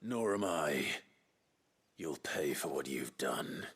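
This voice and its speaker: A stern, defiant young warrior from a game. His low, raspy voice stays grim and measured, though his pitch moves a lot. Faint music hums under the game audio. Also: animated, a bit bright, heavily acted.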